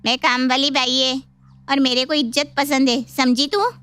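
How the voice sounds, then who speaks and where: A woman's voice: high voice, steady tone, moderate pace, fairly bright tone, smooth, no room sound. A woman voicing a brash, touchy housemaid with speech who demands respect, in a cartoon story. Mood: blunt. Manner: blunt, streetwise, bossy. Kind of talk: cartoon voice acting.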